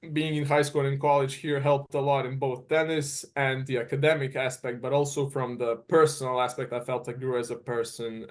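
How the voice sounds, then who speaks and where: Earnest young man from Serbia. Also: medium pitch. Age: 20s. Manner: earnest, searching for words with restarts. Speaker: guest college tennis player. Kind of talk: interview answers.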